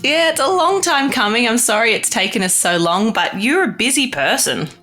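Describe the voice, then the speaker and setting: A woman's voice: a little high, very animated, moderate pace, bright, forceful tone, faint music behind. A woman with an Australian accent hosting a podcast interview, asking questions in a friendly, conversational way. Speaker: podcast host.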